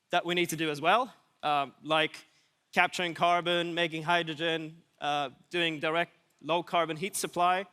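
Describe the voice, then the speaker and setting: His voice is high, bright and forceful yet clean as this Swedish man speaks to a conference audience. He keeps things casual and dryly funny while the sound rings through a large, echoing hall.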